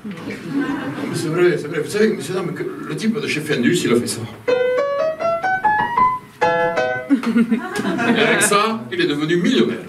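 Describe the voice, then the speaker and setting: A man's voice: a little high, animated, fast, voice pushed up, close to an everyday voice. A man voicing a flamboyant Italian maestro pianist in a comic stage show, teasing the audience in a put-on Italian accent. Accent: put-on Italian accent in French. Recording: echoey stage recording from far off with loud piano.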